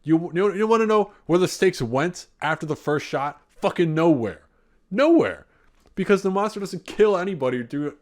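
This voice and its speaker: A man's voice: sits high, expressive, moderate pace. A man casually reviewing a movie he saw, rambling, swearing freely and drifting off topic. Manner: rambling and profane, often sidetracked.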